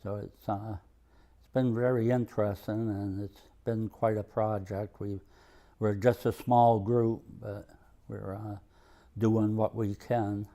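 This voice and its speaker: An older man with a Maine accent tells his oral history in a soft-edged, mellow voice. His delivery is very even and slow, with halting pauses. He sounds plainspoken and understated throughout. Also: on the low side. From Maine, USA. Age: over 65. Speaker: retired mill worker and museum volunteer. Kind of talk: oral history interview, reminiscing.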